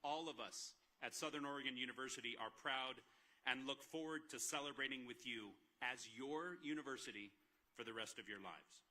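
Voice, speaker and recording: A man, a university president, giving a commencement speech, earnest as he lists his thanks. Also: medium pitch. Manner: earnest, listing thanks at a steady clip. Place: outdoor graduation ceremony over a PA.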